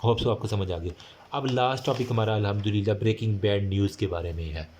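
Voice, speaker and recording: Guy lecturing casually, reads english bits slow then chats it out in with lots of fillers. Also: lowish voice, noisy background. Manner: reads English bullet points slowly, then explains in chatty Hindi-Urdu with fillers.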